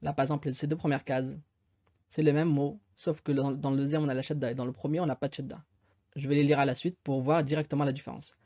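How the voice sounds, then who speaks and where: A man teaching how to read, patiently spelling out words and repeating each one slowly. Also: a little high, a little mellow, no echo. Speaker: Arabic reading teacher. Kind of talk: step-by-step reading lesson. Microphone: USB desk microphone. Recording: dry, slightly dull home recording.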